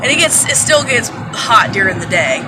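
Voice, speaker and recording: A vlogger chats loosely to her viewers from her car one morning, parked or driving, rambling with lots of fillers. Allergies leave her congested and deeper-voiced than usual, though she talks at normal speed. The rough recording picks up background music and steady car noise.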